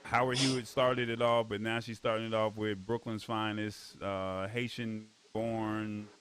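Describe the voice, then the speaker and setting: A man's voice: lowish voice, little pitch movement, a little slow, background noise. A man producing an online show, talking in an easygoing, organizing way over a video call. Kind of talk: casual chat.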